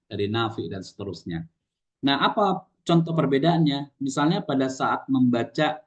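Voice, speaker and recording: Man lecturing casually, muffled audio. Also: medium pitch. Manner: explains with many fillers and tag questions.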